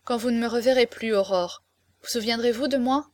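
A woman's voice: a little high, a little fast, a little mellow, no room sound, lightly acted. Woman reading a grave, sorrowful guardian man. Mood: subdued. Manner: subdued, hesitant, murmuring.

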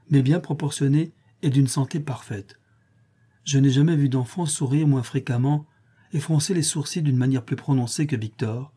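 A man reading a novel aloud as narrator, in a steady, measured storytelling manner. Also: mid-range voice, husky. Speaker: audiobook narrator. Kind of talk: scripted narration.

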